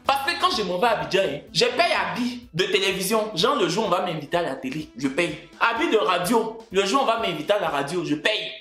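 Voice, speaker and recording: A man's voice: high voice, fast talker, few pauses. A young man with an Ivorian French accent, ranting and joking in a casual vlog. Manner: animated, joking, swings between loud indignation and mutters. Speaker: YouTuber. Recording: echoey room with faint music.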